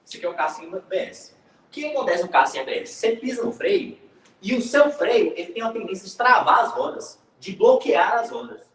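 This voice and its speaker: A man teaching physics in an online class, lively and joking, speaking with a Brazilian Portuguese accent and calling students by name. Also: high-pitched, a little fast, reverberant, far from the mic, poor audio.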